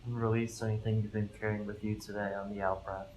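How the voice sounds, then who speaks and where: A man with a low voice calmly guides a meditation, his delivery barely moving melodically. As a mindfulness fellow, he offers gentle, measured instructions with breathing room between phrases, captured in a rough live recording with noticeable background noise.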